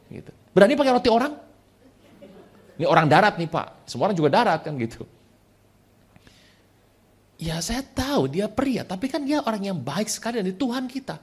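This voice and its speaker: Animated joking male preacher. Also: high-pitched, moderate pace, long pauses, slightly rough. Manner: animated, swings from hushed asides to loud exclamations; playful, joking, colloquial. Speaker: pastor. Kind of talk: humorous storytelling sermon.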